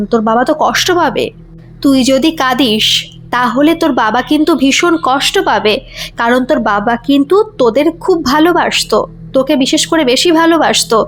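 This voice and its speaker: Brief: woman reading curt widowed mother, scolding, high voice. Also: animated, moderate pace, faint music behind. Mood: placating. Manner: sharp, scolding. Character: grieving middle-aged widowed mother, curt.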